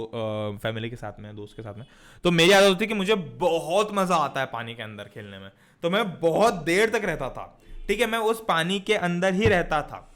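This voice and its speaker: A young male physics teacher with a high voice, lecturing online to school students. He swings between slow, careful readings of definitions and quick, chatty examples, often asking the class questions. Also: a bit bright. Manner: explains in a mix of Hindi and English, with everyday stories and rhetorical questions; reads definitions slowly and deliberately.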